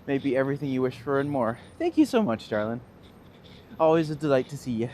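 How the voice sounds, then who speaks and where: Faint traffic accompanies this casual live-stream from a city street, where a man in his 30s with a Northern Ontario accent walks, laughs, and answers his viewers as a tour guide. He talks quickly in a mid-range, sing-song voice with a darkish tone.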